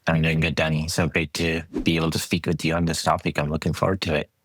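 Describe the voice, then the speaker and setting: Middle-aged male guest, very low pitch, dry recording, easygoing and chatty. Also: quick pace, no room sound. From Saudi Arabia. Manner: relaxed storytelling, frequent restarts. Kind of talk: conversational interview.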